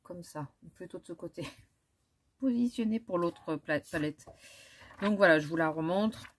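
A woman's voice: lowish voice, measured pace, slight background noise. A woman, chatting casually through a makeup haul with many fillers and restarts. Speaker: beauty vlogger. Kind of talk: casual haul chat with swatches.

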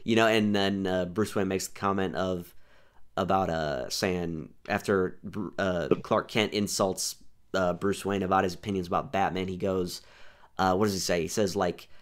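A young man with a low voice hosts a podcast in casual chat, speaking at normal speed with fairly even intonation. He rambles, frequently restarts his sentences and keeps saying "here's the thing."

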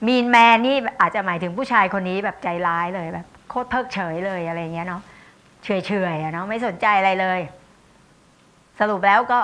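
A woman with a Thai accent and a mid-range voice teaches English grammar in a university lecture. She reads the English examples slowly and explains them in a warm, chatty way, using tag questions.

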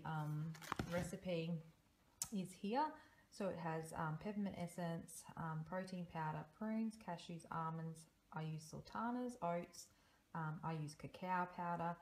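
A woman's voice: low voice, a little hiss or hum. Chatty Australian woman in kitchen. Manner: chatty, upbeat, frequent ums. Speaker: vlogger. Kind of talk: casual meal-prep vlog narration. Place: home kitchen indoors. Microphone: phone camera held close.

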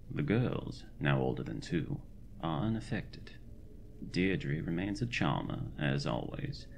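For a horror audio drama, a man plays a fussy but caring 1920s country doctor reading from his journal in formal, ornate, old-fashioned language. His exaggerated voice is deep and gravelly, with a grave, concerned mood and slight background noise.

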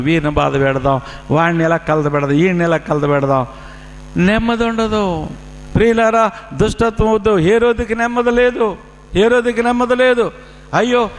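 A male preacher with a Telugu accent delivers a sermon in a high, ringing voice. His phrasing swells and drops with emphatic preaching cadence. The sound carries a long hall reverb. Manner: emphatic, rising and falling preaching cadence, addresses listeners as dear children.

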